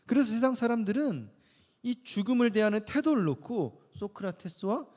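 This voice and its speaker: A man's voice: sits high, big pitch swings, normal speed, darkish tone. A man preaching a youth sermon as pastor, talking in a conversational way and acting out the lines he quotes. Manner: conversational, acts out quoted voices. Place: church sanctuary. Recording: long church hall reverb.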